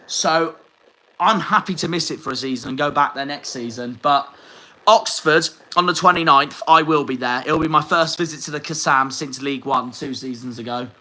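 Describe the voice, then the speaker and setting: A man's voice: a little high, moderate pace, pushed and bright, low-quality recording. A young man from the Plymouth area, ranting angrily and swearing through a post-match fan reaction video. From Plymouth area, England. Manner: angry, swearing, fuming rant. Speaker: football fan vlogger.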